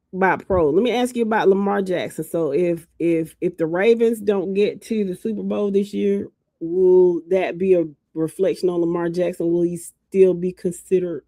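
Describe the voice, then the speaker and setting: A woman's voice: fairly low pitch, moderate pace, warm tone, dry recording, clean studio sound. A woman from Georgia co-hosting a podcast in casual chat, teasing and laughing often. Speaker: podcast co-host.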